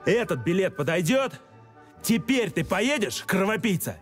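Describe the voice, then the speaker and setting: Irritable security agent, animated pitch. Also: male voice, unhurried, over music. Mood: irritated. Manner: sardonic, exasperated. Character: gruff, irritable, sarcastic male security agent. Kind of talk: video game voice acting.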